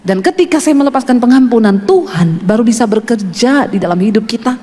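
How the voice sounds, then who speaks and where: A woman's voice: a little high, a little mellow. A woman from Sulawesi preaching a sermon. She tells stories in a chatty way and asks the congregation questions. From Sulawesi, Indonesia. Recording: reverberant hall.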